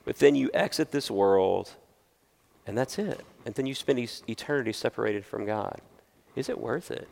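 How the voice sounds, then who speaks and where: A man's voice: mid-range voice, expressive, moderate pace, creaky, a little mellow. A man preaching a sermon as pastor, earnest and putting questions to his listeners.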